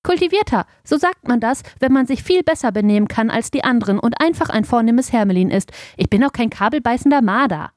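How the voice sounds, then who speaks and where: A woman voicing a proud, refined little female ermine with a squeaky, piping voice in an audiobook. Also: expressive, a little fast, hardly any pauses, a little mellow, dry recording, studio quality, natural voice. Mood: haughty. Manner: haughty, refined. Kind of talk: audiobook character voice.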